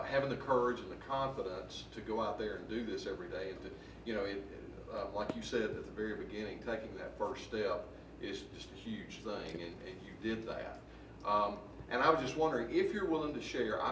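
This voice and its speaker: Earnest man speaking from far across a room. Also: lowish voice. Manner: earnest, complimentary, halting. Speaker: audience member asking a question. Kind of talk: audience Q&A comment. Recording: distant echoey room with noise.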